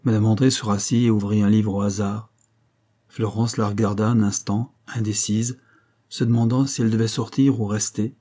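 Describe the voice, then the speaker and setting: A man reading a classic novel aloud in a steady, measured audiobook narration. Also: on the low side.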